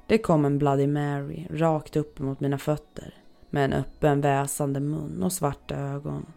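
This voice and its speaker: A horror story narrator reading submitted tales in an even, measured delivery. The voice is gravelly with a dark, mellow tone. A faint music bed runs quietly under the reading. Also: medium pitch. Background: faint background music.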